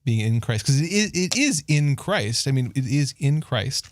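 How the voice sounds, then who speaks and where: A man's voice: mid-range voice, very animated, moderate pace, crowd noise. A man co-hosting a casual live stream, given to joking, sarcastic banter. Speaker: podcast co-host. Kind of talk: casual chat and spoken prayer.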